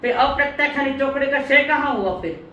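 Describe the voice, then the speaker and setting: A woman teaching a religious lesson to an online class. She speaks slowly and deliberately, repeats her points and calls on her students by name. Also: sits high, fairly bright tone, echoey room, distant mic, muffled recording.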